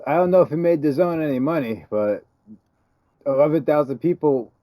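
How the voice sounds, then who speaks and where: A man's voice: fairly high pitch, expressive, fairly quick, no room sound, muffled recording. A man co-hosting a podcast in rambling, wry casual chat full of fillers. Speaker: podcast co-host.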